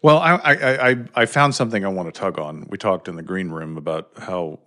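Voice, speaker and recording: A man hosting a podcast and chatting with a guest in a relaxed, self-deprecating, conversational way. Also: low voice, brisk. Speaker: podcast host. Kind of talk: casual interview chat.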